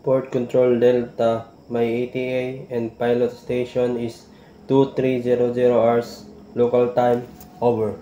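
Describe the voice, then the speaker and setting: Male ship's radio operator heard over the radio, mellow tone, muffled echoey transmission, clipped protocol. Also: mid-range voice, completely flat delivery, measured pace, a little hiss or hum. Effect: over a marine radio. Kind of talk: formal radio procedure.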